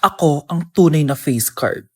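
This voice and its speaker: A woman's voice: deep voice, measured pace, warm tone, breathy edge. A woman voicing a bitter, jealous young woman who mutters resentful, scheming asides.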